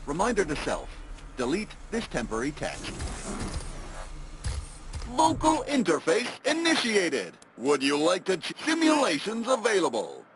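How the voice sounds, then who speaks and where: An actor voicing a malfunctioning male robot interface in a video game, glitching and stuttering through errors in a flat announcer cadence. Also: high voice, measured pace, background noise, exaggerated voice. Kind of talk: video game character dialogue.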